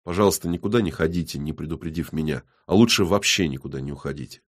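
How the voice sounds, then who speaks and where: A man's voice: rumbling low, fast. A man reading as a dry, businesslike police captain. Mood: urgent.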